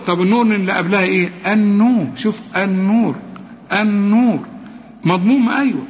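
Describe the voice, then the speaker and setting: A man with an Egyptian accent teaching Quran recitation rules, asking and answering his own questions and drawing words out slowly to demonstrate. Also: sits high, a bit bright. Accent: Egyptian Arabic. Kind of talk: tajweed lesson. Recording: reverberant, dull lo-fi recording.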